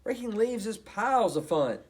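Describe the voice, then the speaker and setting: A man reading aloud from a storybook, voicing a cheerful, excitable boy who calls out in a lively way. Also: high-pitched, normal speed, slightly rough, recorded from a distance, pitched above the performer's own voice. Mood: excited. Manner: lively, calling out.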